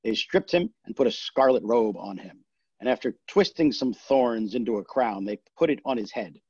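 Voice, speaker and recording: A man reads scripture aloud for a worship service, his pacing steady, measured, and solemn. His mid-range voice is husky and somewhat breathy. The recording is dry and a little muffled, with no room ring.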